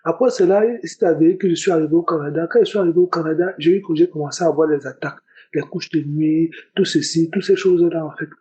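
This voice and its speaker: A man's voice: on the high side, quick pace, warm tone, low-quality recording. A young man giving a spoken religious testimony, earnest and repeating his words often. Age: young adult. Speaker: testimony giver.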